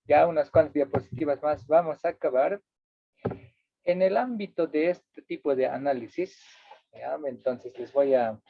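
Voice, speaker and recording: A man's voice: on the high side, no room sound. Tinny-sounding man teaching a workshop. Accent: Bolivian Spanish. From Bolivia. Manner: explanatory, checks in often with "¿ya?" and "¿no?". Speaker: workshop instructor. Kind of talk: lecturing over slides. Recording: dry, tinny phone-like sound.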